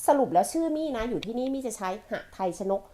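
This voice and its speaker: A woman in her forties hosting a casual family vlog, animated and laughing often as she coaxes her daughter through questions. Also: fairly high pitch, quick pace, slight background noise. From Thailand. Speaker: vlog host, mother.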